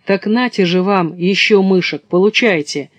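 A man's voice: sits high, normal speed, dry recording. A man voicing a spiteful magic toad in a storybook reading, in a taunting manner.

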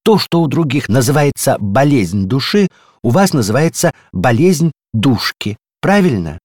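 A man's voice: medium pitch, very animated, measured pace, a little mellow, no room sound, clean studio sound, pitched above the performer's own voice. A man voicing a fussy, know-it-all female door handle in a storybook reading, prim and insistent, sometimes dropping to a tragic whisper.

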